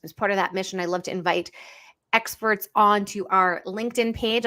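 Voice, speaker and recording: A woman's voice: lowish voice, sharp tone. Female livestream host, casual and enthusiastic, talking from one corner of a numbed mouth. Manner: speaking out of the side of the mouth, numb from dental work. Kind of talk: livestream interview introduction, casual chat.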